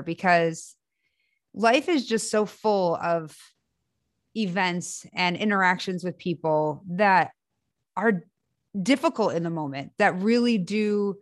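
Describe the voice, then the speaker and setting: A woman hosting a spiritual talk, speaking in measured, deliberate, emphatic phrases in an inspirational style. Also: lowish voice, no echo, clean studio sound. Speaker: host of a spiritual group discussion show. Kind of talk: spiritual inspirational monologue and group chat.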